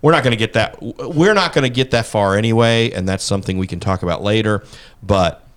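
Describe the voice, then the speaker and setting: A man hosting a casual local news podcast, blunt and animated as he tells stories. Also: fairly low pitch, a little fast. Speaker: podcast host. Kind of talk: casual chat.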